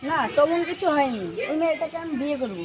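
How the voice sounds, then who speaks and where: A woman's voice: sits high, expressive, fast talker, heavy background noise. A woman playing a blunt, hot-tempered young village groom in a rural drama. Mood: eager. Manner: blunt and demanding, swears when angry. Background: loud background music.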